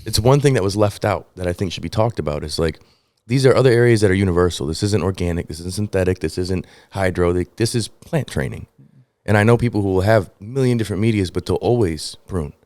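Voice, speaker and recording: A man's voice: low-pitched, fast talker, a little mellow, no echo. A man with a Midwestern American accent co-hosting a podcast, rambling and joking in casual chat. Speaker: podcast co-host.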